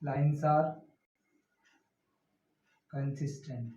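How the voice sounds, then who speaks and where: A man's voice: medium pitch, steady tone, drawn-out words, mellow. A male teacher explaining a math lesson step by step, asking and answering his own questions as he works through it. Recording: roomy, distant, muffled classroom recording.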